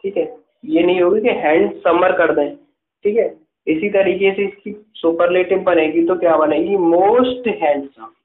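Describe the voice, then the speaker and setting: A man with a high-pitched voice teaches a grammar class and dictates notes slowly and patiently. He keeps checking in with his students. The sound is echoey and tinny, as if from a phone in a bare room. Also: fairly even intonation. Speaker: English teacher.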